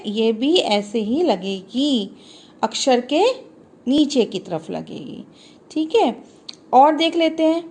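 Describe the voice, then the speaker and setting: An Indian woman teacher with a high, bright voice who speaks slowly and patiently. She stretches out each syllable as she sounds words out for young children and keeps encouraging them as she goes. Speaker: school teacher.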